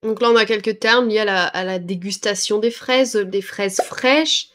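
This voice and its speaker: A woman's voice: medium pitch, a bit bright. A woman teaching a French lesson, patiently explaining words and expressions step by step, with small hesitations as she goes. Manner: patient, breaks words down slowly with fillers.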